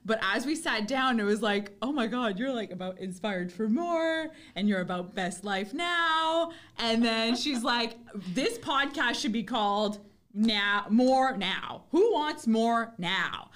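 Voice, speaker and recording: A woman's voice: fairly high pitch, lively intonation, slow pace, a bit bright. A woman hosting a podcast interview, bubbly and effusive, laughing often as she talks. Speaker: podcast host.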